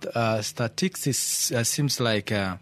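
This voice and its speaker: Halting male guest. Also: mid-range voice, fairly bright tone. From Tanzania. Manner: halting, many fillers and restarts. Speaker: interview guest. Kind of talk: hesitant conversational English.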